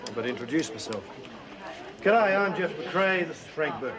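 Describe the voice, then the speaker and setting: A man's voice: fairly high pitch, moderate pace, crowd noise, natural voice. A man playing a laid-back Australian newcomer. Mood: easygoing. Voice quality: relaxed, laid-back, slangy. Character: cocky easygoing male newcomer, friendly charmer. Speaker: prison newcomer. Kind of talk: TV drama acting.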